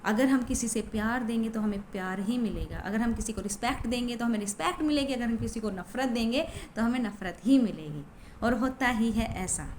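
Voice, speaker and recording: High-voiced woman chatting about her day. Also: a little fast, a little mellow, slight background noise. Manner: chatty, repeats herself, many fillers. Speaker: law of attraction coach. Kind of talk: casual talk to camera.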